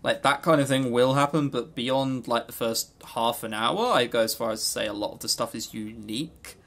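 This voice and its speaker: Reviewing visual novels in unscripted podcast banter, this male co-host rambles, jokes and occasionally swears. He speaks at a normal speed in a medium-pitched, fairly bright voice.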